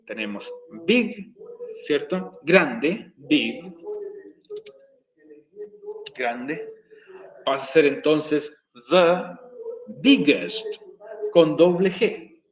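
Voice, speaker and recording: Man, teacher, slightly high voice, slow repetitive explaining, echoey room. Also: lively intonation. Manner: slow, repeating explanations step by step. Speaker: English teacher. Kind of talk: recorded video lesson.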